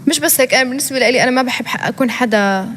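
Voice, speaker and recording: A young woman with a Jordanian accent chats as an interview guest, rattling along at a very fast clip with fillers and self-corrections. Her voice sits a little high, and a long hall reverb trails behind her words. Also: fairly bright tone, slight background noise. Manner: fast, chatty, lots of fillers and restarts. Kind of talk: casual interview chat.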